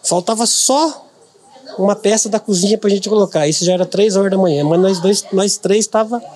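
A man's voice: high-pitched, fairly quick, a little mellow. A middle-aged man from Brazil, a podcast guest, telling a personal story earnestly and repeating words for emphasis.

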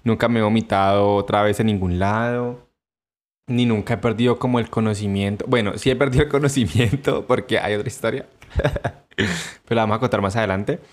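A man's voice: on the low side, steady tone, a little fast. A young man with a Colombian accent telling stories in a casual podcast chat, laughing often and acting out quotes. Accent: Colombian Spanish. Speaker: podcast co-host.

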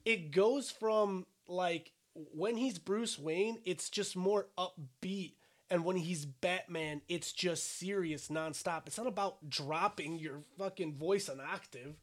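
Brief: high-pitched young male podcast co-host, opinionated, swears, casual banter. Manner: opinionated, swears freely, quick asides. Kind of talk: casual chat.

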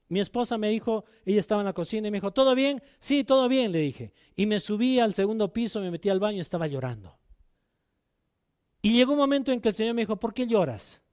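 A man preaching a sermon as pastor, telling a personal story and putting direct questions to the congregation, loud one moment and quiet the next. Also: clean tone. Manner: emotional storytelling, swings between loud exhortation and quiet low asides.

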